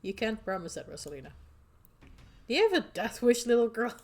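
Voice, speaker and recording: A woman voicing a blunt, cautious young woman companion from a game, speaking low and matter-of-factly. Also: big pitch swings, fairly quick. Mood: scolding. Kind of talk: reading a visual novel aloud.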